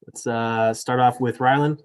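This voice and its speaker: Unhurried and clean-toned, with a mid-range voice and fairly even intonation, a young student elections director moderates a live virtual debate via video call. He's apologetic and talkative with frequent fillers before reading the rules in a formal way.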